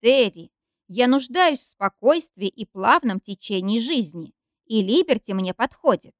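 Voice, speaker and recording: Audiobook: fed-up young man, read by a woman, firm and stern, lively pitch, dry recording. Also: unhurried, no echo. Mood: firm, weary. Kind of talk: audiobook character reading.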